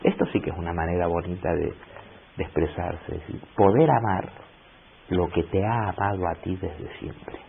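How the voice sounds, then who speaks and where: Gravelly lecturer on a tinny recording. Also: male voice, deep voice, steady tone, moderate pace. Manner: reflective, with emphatic rising bursts and rhetorical questions. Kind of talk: lecture to a class. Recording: tinny lo-fi recording with faint hiss.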